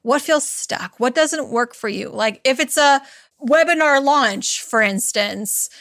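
A podcast host and business coach speaks alone in a clean, echo-free studio recording, her voice high, slightly bright, and unhurried. She's casual and emphatic, slipping into other voices to act out quoted asides.

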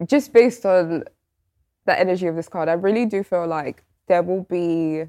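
A woman explains an astrology card reading in a measured way, with a low voice for a woman. The recording is dry and close, with no room sound. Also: mellow, dry recording. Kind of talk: explanatory chat.

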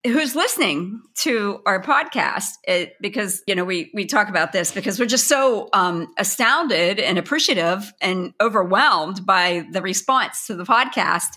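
A woman's voice: mid-range voice, expressive, measured pace, few pauses, bright, forceful tone. A middle-aged woman from Pennsylvania co-hosting a podcast in casual chat, chatty and laughing often as she talks. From Pennsylvania, United States. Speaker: podcast co-host.

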